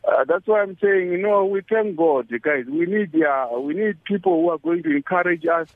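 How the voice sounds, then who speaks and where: High-voiced South African Zulu man, phone line. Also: no echo. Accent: South African Zulu-language. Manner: halting and repetitive, switching between English and Zulu. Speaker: caller to a religious radio show. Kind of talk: personal testimony, casual and conversational. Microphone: telephone.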